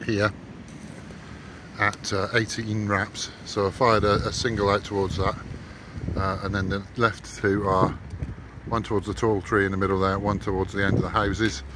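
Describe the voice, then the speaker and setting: Speaking to camera at a moderate pace with flat delivery, this man is a fishing vlogger who rambles and hesitates casually. He records in a moving car and then beside a lake, with wind and road rumble making the audio noisy.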